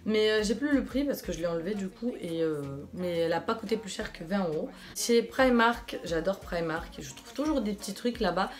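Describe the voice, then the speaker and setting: A woman's voice: medium pitch, lively intonation, moderate pace, hardly any pauses. Chatty young woman showing clothes. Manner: chatty, enthusiastic, many fillers. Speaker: fashion vlogger. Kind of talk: casual try-on haul chat.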